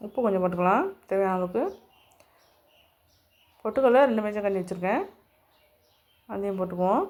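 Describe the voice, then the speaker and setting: This woman's medium-pitched, darkish voice moves fairly quickly as she demonstrates home cooking for her channel. She talks straight to viewers, laying out each step in a homely way.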